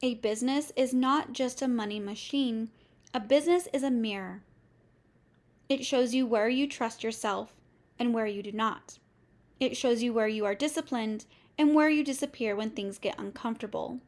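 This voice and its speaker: A business coach, a woman with a voice on the high side, delivers a scripted motivational lesson in a measured, steady way using short listed phrases. Faint music plays in the background.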